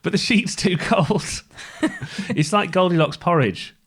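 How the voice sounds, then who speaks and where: A man's voice: sits high, unhurried, slightly rough. A man, co-hosting a podcast in a studio, chatting and teasing in a playful way. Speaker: podcast co-host. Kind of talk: casual chat.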